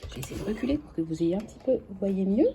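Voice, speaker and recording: A woman in her thirties with a French accent, chatting casually through a grocery unboxing vlog, correcting herself often and filling pauses with "euh". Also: mid-range voice, expressive. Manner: chatty, self-correcting, many fillers. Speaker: vlogger. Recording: clear background noise.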